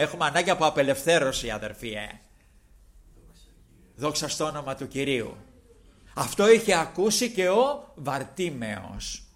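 A man preaching a sermon who swings between loud, impassioned exclamations and quiet, low asides, often breaking off to thank the Lord and to call out to his brothers. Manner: keeps repeating thanks to the Lord and addressing the brothers.

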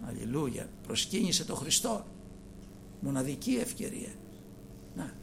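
Fervent gravelly male preacher. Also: on the high side, sing-song, a little hiss or hum. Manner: swings from hushed murmurs to loud fervent exhortation. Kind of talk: sermon.

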